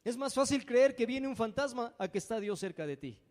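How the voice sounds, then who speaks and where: A man's voice: very high voice, expressive, fairly quick, darkish tone. A man preaching a sermon as pastor, dramatic and acting out frightened voices. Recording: long hall reverb.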